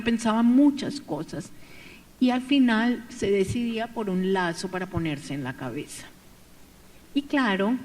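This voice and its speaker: A woman telling a folk tale aloud at a seminar in a lively way, with asides to her listeners. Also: mid-range voice. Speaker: storyteller. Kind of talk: oral storytelling at a seminar. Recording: echoey hall, voice from far off.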